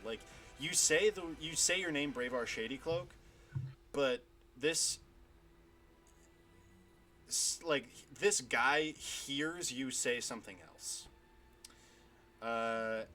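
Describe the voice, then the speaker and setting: A man narrating as game master of a tabletop game, unhurried and hesitant, with many fillers. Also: medium pitch, pushed and bright.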